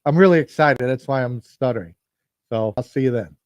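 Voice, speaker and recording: A man's voice: mid-range voice, a little fast, a little mellow, dry recording, studio quality. Rambling man talking into his phone. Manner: rambling, repeats himself, restarts sentences. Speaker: podcast host. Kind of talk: casual solo livestream talk.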